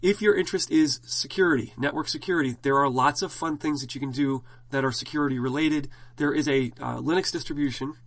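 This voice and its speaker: A man's voice: on the high side, fast talker, hardly any pauses, a bit bright. A middle-aged male college instructor with a scratchy throat, giving a casual, rambling classroom lecture full of fillers and restarts.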